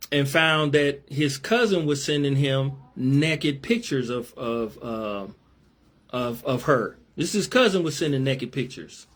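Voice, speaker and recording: A man with a high, bright-pitched voice reads screenshots aloud and breaks off to comment on them. He hammers his points home, says things twice, and drops into casual slang as a religious commentator addressing his viewers. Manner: emphatic, repeats himself, casual slang. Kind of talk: reading out messages with commentary.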